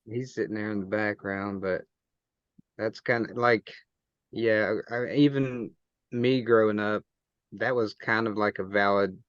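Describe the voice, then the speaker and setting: Man, low flat smooth voice, slightly muffled dry recording, measured podcast talk. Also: no room sound. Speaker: podcast panelist. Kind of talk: casual book discussion.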